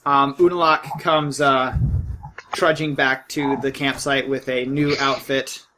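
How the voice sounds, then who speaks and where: A man narrating as game master of a tabletop game, halting and restarting often as he talks. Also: medium pitch, flat delivery, bright, forceful tone, slight background noise, low-quality recording.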